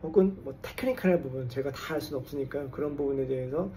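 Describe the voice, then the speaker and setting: A South Korean man in his forties, a construction engineer and English coach who hosts a channel, talks casually to camera in a vlog monologue while a little tipsy after drinks, sprinkling in English jargon. His medium-pitched voice is mellow and quick. The mic sits at a distance and there's slight background noise.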